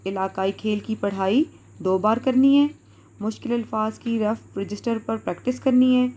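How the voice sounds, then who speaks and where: A woman teacher with a Pakistani Urdu accent, giving a recorded lesson to young pupils, speaking clearly and patiently and spelling out words letter by letter. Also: mid-range voice, darkish tone, highs cut off, slight background noise.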